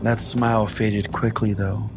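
Hosting a comedy podcast over background music, a man tells comic dramatic stories and chats about the show with theatrical mock solemnity. His lowish voice shows little pitch movement, and he keeps a measured pace.

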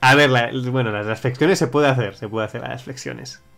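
Speaking at a moderate pace, the young man has a creaky, slightly bright voice of medium pitch. He's casually reading viewer suggestions on stream, rambling, restarting, and swearing often over soft background music.

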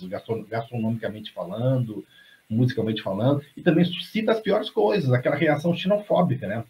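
A middle-aged Brazilian man, a novelist, talking on a video call in a rambling way, full of restarts and tag questions. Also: medium pitch. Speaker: guest novelist. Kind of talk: casual discussion on video call. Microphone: webcam on video call. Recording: slightly dull lo-fi sound.

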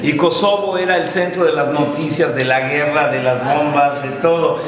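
Older guy asking questions in broken english, fairly high voice, echoey room from far off. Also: brisk, a crowd in the background. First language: Spanish. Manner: broken English mixed with Spanish, animated gestures, laughs often. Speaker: sports TV interviewer. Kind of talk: casual interview.

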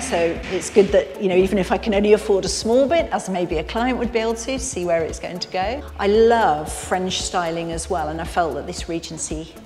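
A woman's voice: on the low side, darkish tone. Chatty middle-aged woman designer. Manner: enthusiastic and chatty. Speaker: interior designer and client. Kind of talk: explaining design ideas in a casual interview. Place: large bare room with high ceiling. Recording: hall reverb with faint music.

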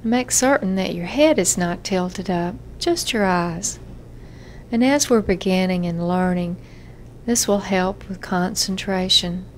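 With a fairly low voice, a woman therapist leads listeners through self-hypnosis relaxation, pausing often between gentle, steady instructions. There's slight background noise.

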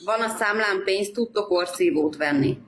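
A woman patiently explaining practical advice over a live call. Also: mid-range voice. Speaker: caller giving advice. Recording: echoey, noisy live-call audio.

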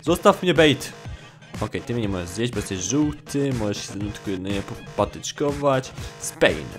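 A man giving casual gameplay commentary as a gaming YouTuber, excitable, swearing freely and swinging from low mutters to shrill yelps. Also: normal speed, over music.

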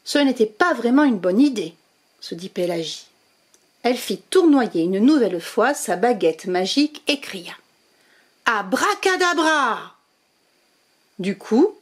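A woman storyteller reading a children's picture book aloud, with slow, expressive narration. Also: medium pitch.

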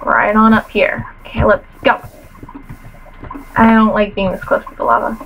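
A woman's voice: fairly high pitch, little pitch movement, moderate pace, gravelly, phone-quality sound, soft background music. A teenage girl commentating her own game casually, chatty and self-mocking with playful trash talk, a little sniffly after a cold, in her bedroom at home. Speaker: gamer commentator.

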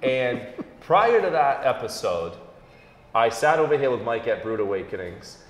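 A man's voice: medium pitch, normal speed. Echoey comedian man telling a story. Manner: animated, acts out quotes with laughs. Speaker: comedian co-host. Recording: echoey room with faint hum.

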